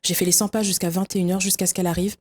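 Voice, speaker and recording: Woman, young, animated storyteller who acts out conversations, talk-show guest. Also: lowish voice, very fast, slight background noise. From Réunion. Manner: lively storyteller acting out dialogue.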